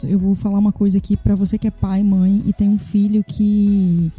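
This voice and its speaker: A woman's voice: mid-range voice, little pitch movement, normal speed, dark tone, husky, soft background music. A woman, guest on a casual podcast, giving earnest advice to parents.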